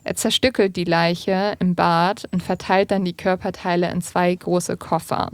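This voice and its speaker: A woman's voice: fairly low pitch, level tone, measured pace, smooth, no room sound. A young adult woman hosting a podcast, telling a true-crime case in a casual storytelling manner with colloquial fillers. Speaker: podcast host.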